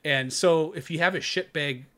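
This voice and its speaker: A young man who is a former Navy corpsman, telling a war story in casual podcast chat, profane and animated, laughing through his punchlines. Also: fairly high pitch, normal speed.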